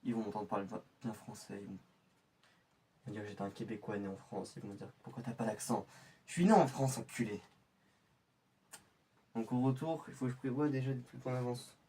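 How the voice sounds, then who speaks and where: A man acts as an undercover infiltrator planning his cover, muttering his thoughts aloud in a pensive scripted monologue. His medium-pitched voice is warm and lightly acted, with fairly even intonation, a moderate pace and long pauses. The mic is distant, with a little hiss or hum.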